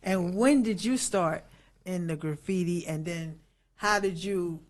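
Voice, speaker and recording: A woman's voice: on the low side, a little slow. Chatty woman in her fifties hosting. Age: 50s. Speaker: interview host. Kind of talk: casual interview.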